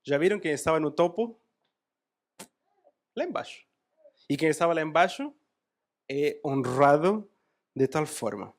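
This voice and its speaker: A man preaching a sermon in a church, retelling a Bible story with animated asides. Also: a little high, normal speed.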